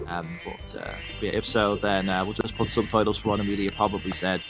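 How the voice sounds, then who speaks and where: A man's voice: fairly low pitch, level tone, a little fast. A man with an Irish accent, giving casual commentary as host of a video game race. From Ireland. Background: video game music.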